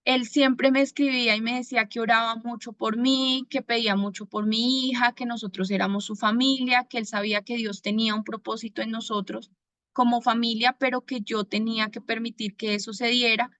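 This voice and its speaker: Colombian lady from bogotá sharing her faith testimony, kinda high bright voice, dry close sound. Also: fairly even intonation, no room sound. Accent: Bogotá Colombian Spanish. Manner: earnest, pausing often to gather words. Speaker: testimony giver.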